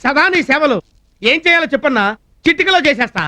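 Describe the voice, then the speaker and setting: A man in a slapstick film comedy scene, loud and whiny, yelping and groaning in pain. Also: very high voice, lively intonation, quick pace. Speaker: comic film character. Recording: film soundtrack with music behind. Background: film score music.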